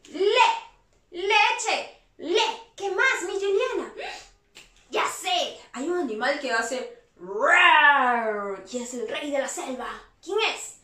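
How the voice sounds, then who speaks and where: A woman teaching young children in a sing-song, animated way, drawing out answers. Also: high voice. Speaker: preschool teacher. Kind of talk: online lesson for young children. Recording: roomy sound from a distance.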